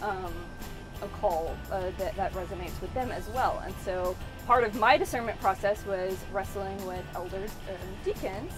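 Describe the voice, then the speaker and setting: A woman's voice: mid-range voice, normal speed, over music. A young woman, a pastor, chatting casually with many fillers and restarts, speaking into a lapel mic inside a van. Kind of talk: casual chat.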